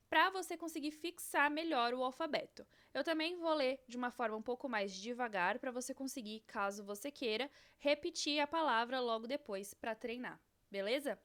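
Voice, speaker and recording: A woman whose first language is Portuguese, teaching an online English lesson slowly and carefully, in a friendly way. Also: a little high, fairly bright tone.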